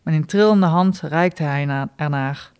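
A man reading his short stories aloud in a dry, deadpan way, with small spoken asides. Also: fairly high pitch, a little slow, smooth.

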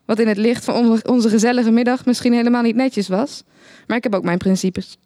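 Een vrouw leest een verhaal voor in de ik-vorm, droog en laconiek verteld. Haar stem is vrij hoog en klinkt dicht en droog opgenomen, zonder galm. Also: female voice, a little high, fairly quick, no room sound. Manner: dry, deadpan first-person narration. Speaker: narrator. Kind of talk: reading a satirical short story aloud.

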